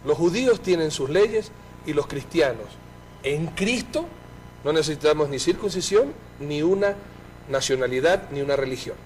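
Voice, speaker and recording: A man's voice: a little high, animated, normal speed, slight background noise. A man interviewing a guest about faith, speaking in a fervent, preacher-like way.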